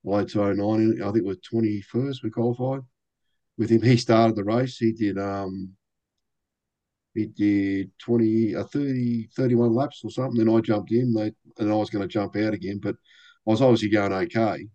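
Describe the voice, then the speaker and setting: A man's voice: on the low side, moderate pace, muffled recording. Man telling racing stories. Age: older. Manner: animated anecdotes with quoted voices. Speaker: racing driver guest. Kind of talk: casual storytelling interview.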